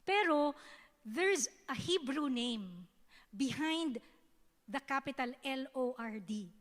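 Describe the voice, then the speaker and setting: In a church hall, a youth service speaker teaches a sermon in relaxed Taglish, keeping it conversational and repeatedly asking "diba?" to check in with the young audience. She is a Filipino woman with a high-pitched, animated voice and a slow pace, and the large hall is audible.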